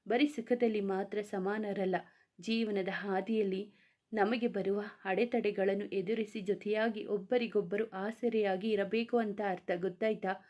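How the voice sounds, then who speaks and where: A woman's voice: mid-range voice, a little mellow, natural voice. A woman voicing an emotional, protective young wife in a family storybook tale, talking in an earnest, indignant way.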